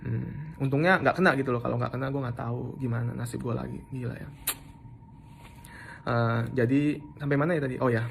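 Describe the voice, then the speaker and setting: A man's voice: mid-range voice, steady tone, brisk, vocal fry, long pauses, slight background noise. Young man, casual storytelling, slangy talk, restarts often, drops in English words. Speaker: storyteller recounting an assault. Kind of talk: casual first-person storytelling.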